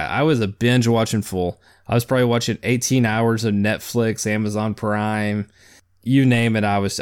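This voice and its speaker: Man, 30s, podcast host, casual solo talk, down-to-earth, rambling, smooth low voice. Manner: laid-back, even-keeled, self-described down-to-earth; rambling with many fillers and restarts.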